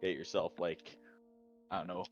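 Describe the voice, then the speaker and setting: A man's voice: sits low, flat delivery, moderate pace, highs cut off, soft background music. A man playing in a tabletop game, chatting in a laid-back, rambling way. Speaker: player. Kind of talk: casual gaming chat.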